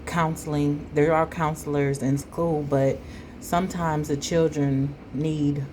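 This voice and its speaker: A woman commentator with a low, mellow voice and an unhurried delivery, giving her opinionated take on a video. Clear background noise sits under her voice. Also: flat delivery. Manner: critical, opinionated. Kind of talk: spoken commentary.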